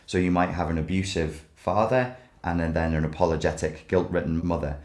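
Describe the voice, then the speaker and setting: A man's voice: deep voice, a little fast, darkish tone. A man speaking as a therapist expert, methodical and explanatory in an interview. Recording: roomy echo.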